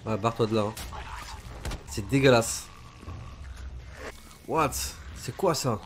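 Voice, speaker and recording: A young man from southern France giving casual, slangy reaction commentary with excitable, laughing asides. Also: medium pitch, slow pace, slight background noise. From southern France, Gard area. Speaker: reaction video host.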